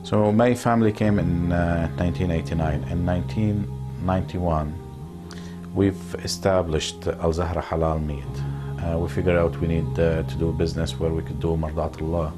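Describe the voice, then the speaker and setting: Interviewee: Lebanese-born man in his fifties, very low voice, unhurried, pausing often, music bed underneath. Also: fairly even intonation. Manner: measured, with frequent pauses and fillers. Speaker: interviewee, businessman. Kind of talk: reflective interview talk.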